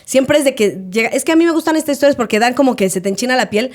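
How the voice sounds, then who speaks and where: A woman's voice: high voice, rapid-fire. A Mexican woman in her late thirties, a podcast co-host, telling stories in a casual chat and acting out the people she quotes. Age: late 30s. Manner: animated, acts out quoted voices.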